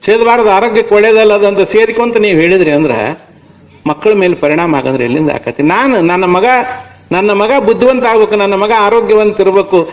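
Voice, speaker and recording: A man's voice: sits high, brisk, rough recording. A man with a North Karnataka accent preaches a devotional sermon to a village audience. He speaks emphatically and keeps putting rhetorical questions to the crowd. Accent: North Karnataka Kannada. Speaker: religious discourse speaker.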